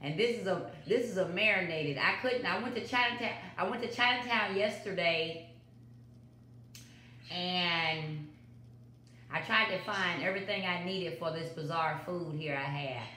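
A woman with a lowish, unhurried voice and a sharp tone chats through a casual home cooking vlog, repeating catchphrases to her viewers. She's in her home kitchen, which sounds echoey, recorded on a built-in phone mic sitting on the counter.

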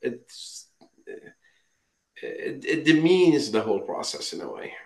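A man answers interview questions in a halting way, full of fillers and restarts. His volume is uneven, sinking almost away and then jumping back up. His voice moves up and down in pitch, and it sits in a roomy, echoing space. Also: big pitch swings, creaky, a little mellow. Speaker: interview guest. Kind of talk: remote conversational interview answer.

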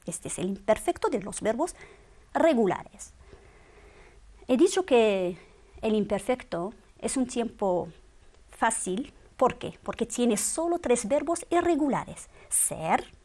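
A woman's voice: fairly high pitch, sing-song, slow, warm tone. A woman teaching a grammar lesson, drilling verb forms one by one with patient quiz questions. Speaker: Spanish teacher.

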